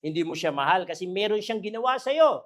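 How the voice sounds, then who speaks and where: A male pastor with a Filipino accent preaching a sermon, lively and expressive, swinging between loud emphasis and quiet asides and laughing at his own jokes. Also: high voice, fairly quick. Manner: mixes English Bible phrases into Tagalog preaching.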